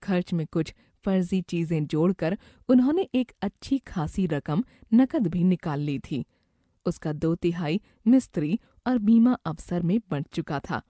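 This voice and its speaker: A woman reading a first-person moral story aloud in an even, scripted narration. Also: lowish voice, dry recording, clean studio sound.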